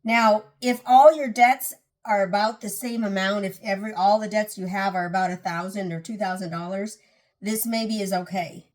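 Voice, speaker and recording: A tired but earnest woman gives debt advice straight to her viewers. Her pitch sits mid-range for a woman, and she talks in a relaxed, conversational way. She often restarts a phrase and repeats key points to drive them home. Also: normal speed. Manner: earnest, self-correcting, repeats for emphasis. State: tired, yawning. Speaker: personal finance vlogger. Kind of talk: casual talk to camera.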